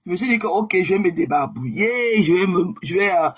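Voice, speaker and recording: A woman hosting a casual live stream, chatting warmly with viewers and greeting them by name, often repeating herself. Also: lowish voice, animated, fairly quick, slightly rough. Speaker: livestream host.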